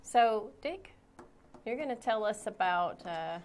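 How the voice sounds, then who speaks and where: A woman's voice: medium pitch, animated, slow pace, slight background noise. A woman co-hosting a casual morning chat show, sounding nasal and stuffed up with a cold. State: congested with a cold.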